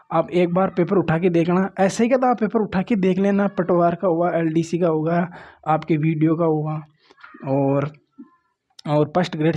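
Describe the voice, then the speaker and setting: This Rajasthani teacher gives a classroom grammar lecture at the board in a high, dark-toned voice, with the highs cut off in the audio. He plainly coaxes his students, repeating "देखो" and "ठीक है" often.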